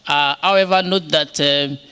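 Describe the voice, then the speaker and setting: A man's voice: on the high side, fairly even intonation, unhurried, pushed and bright, clear, resonant tone. Hesitant man chairing a hall meeting. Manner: hesitant, many filler sounds. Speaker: session chair. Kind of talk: moderating a public policy meeting. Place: large conference hall.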